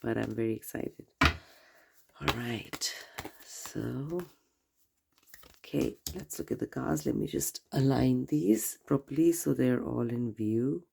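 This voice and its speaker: A woman giving a tarot reading straight to the viewer, gentle and reassuring, her voice nasal from a cold and congestion. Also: a bass voice, vocal fry, a little hiss or hum. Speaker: tarot reader. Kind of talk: casual tarot reading to camera.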